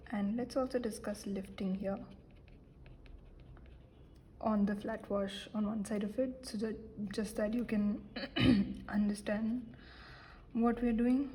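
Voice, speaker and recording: A young woman giving a relaxed painting lesson, chatty and self-deprecating, with many fillers and soft whispered asides. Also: medium pitch, slow, long pauses, a little hiss or hum, poor audio. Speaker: art teacher. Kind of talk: casual painting tutorial.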